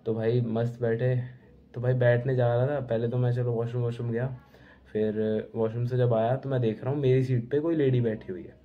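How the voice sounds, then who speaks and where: A young travel vlogger tells a rambling, casual travel story to camera from home, chatty and constantly saying "bhai." His medium-pitched voice is level in tone and normal in speed, and the recording sounds tinny, like a phone.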